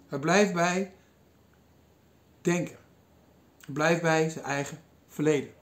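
High-voiced Dutch-speaking man preaching. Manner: storytelling, quoting figures in lively asides, some hesitations. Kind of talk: sermon retelling a Bible passage.

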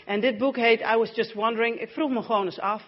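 A woman interpreting a sermon in church and reading scripture aloud in a steady, measured way. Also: on the high side. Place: church hall. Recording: dull lo-fi sound with long hall reverb.

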